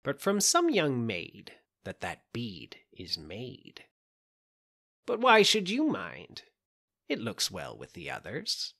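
A man voicing a croaking, scheming old witch in an audiobook fairy tale, giving sly warnings. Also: medium pitch, wildly swooping pitch, slow pace, bright, forceful tone, exaggerated voice. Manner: warning, coaxing.

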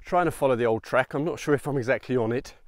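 Fast and darkish at medium pitch, a man in his thirties hosts a history hiking vlog with casual commentary and wry asides, walking a trail in open countryside. The sound is dry and clean like a studio, though outdoor noise and open-air ambience remain.

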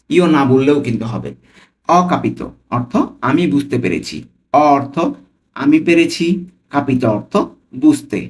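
A man with a Bangladeshi Bengali accent leads a language lesson at an ordinary, mid-range pitch. He breaks each phrase into single words and says them slowly and clearly. He then repeats the whole phrase in the patient rhythm of a tutor. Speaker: language teacher.

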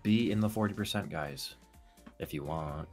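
A man's voice: sits low, normal speed, soft background music. A man in his twenties chatting casually as he streams slot gambling. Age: 20s. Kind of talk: casual chat.

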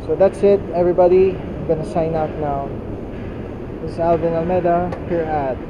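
A man in his thirties narrates a walking vlog as he wanders a nearly empty shopping mall, holding an action camera at arm's length. His voice sits slightly high and comes across a bit dull and muffled. Loud air conditioning and ambient hum fill the background behind his rambling, halting commentary. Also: fairly even intonation. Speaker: vlogger. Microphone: action camera held at arm's length.

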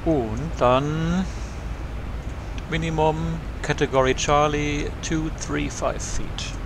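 Relaxed pilot guy on a cockpit headset, gravelly voice, noisy hiss behind. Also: on the high side, takes it slowly. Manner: relaxed, reads out checklists and radio calls. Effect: pilot speaking over a cockpit headset mic. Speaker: virtual airline pilot. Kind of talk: flight sim stream commentary.

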